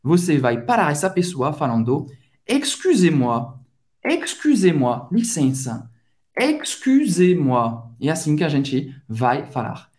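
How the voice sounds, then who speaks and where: Fairly high in pitch and darkish in tone, this native French-speaking man with a French accent hosts a language lesson on his channel. As the teacher, he leads slow pronunciation drills, drawing out every word.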